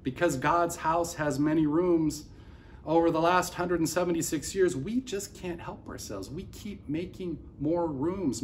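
A man's voice: a little high, darkish tone, a little hiss or hum. A middle-aged man, a pastor, preaching an earnest sermon to a camera at close range in an indoor room. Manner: earnest, gestures with open hands while preaching. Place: indoors by a large window facing office towers.

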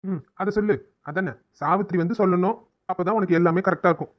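A man's voice: high-pitched, fast, dry recording, dull audio, natural voice. A man voicing a teasing, dismissive middle-aged husband in a cartoon family drama. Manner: dry, mocking.

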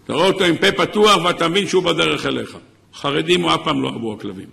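A man's voice: on the high side, creaky, pushed and bright. A man, a rabbi, giving an impassioned sermon, sometimes crying out. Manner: impassioned preaching, crying out in places.

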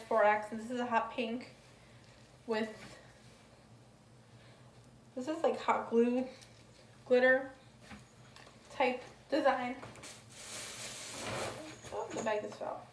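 A fairly high-voiced woman talks in a chatty, rambling way, describing each item in turn. Her voice sits a little away from the mic in a roomy space. A faint hum of ambience stays behind her. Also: flat delivery, slow pace, pauses often, distant mic. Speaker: thrift reseller vlogger. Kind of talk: casual haul vlog.

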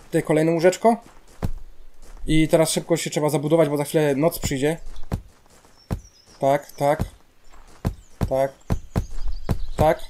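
A man's voice: on the high side, flat delivery, a little slow, pauses often, warm tone, a little hiss or hum. A young man speaking with a Polish accent, casually commentating a building game, chatting to himself and bursting into exasperated outbursts at the game. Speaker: let's play gamer.

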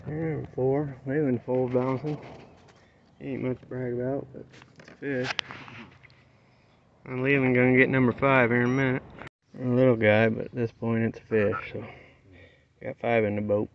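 A man's voice: mid-range voice, level tone, moderate pace, vocal fry, pauses often, dull audio, a little hiss or hum. A man giving folksy, plain-spoken fishing commentary from a small boat outdoors. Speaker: fishing vlogger.

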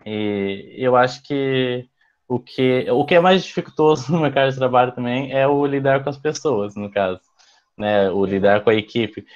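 A man's voice: mid-range voice, normal speed. A young man, a former student, talking hesitantly and laughing often in a casual panel chat. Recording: dull lo-fi call audio.

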